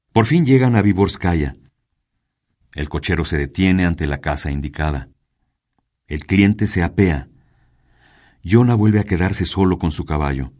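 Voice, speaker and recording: A man reading a story aloud as narrator, measured and unhurried. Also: deep voice, a little mellow. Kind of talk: scripted narration.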